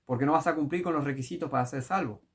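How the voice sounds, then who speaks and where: A man's voice: mid-range voice, fast, slightly rough. A man preaching a sermon, emphatic and full of rhetorical questions.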